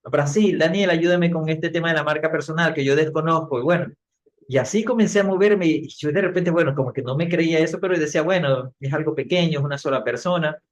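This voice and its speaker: Speaking fast and on the high side, this middle-aged man is a public speaking coach recounting his story as a guest on a podcast. His delivery is animated, and he performs his own past words as he goes.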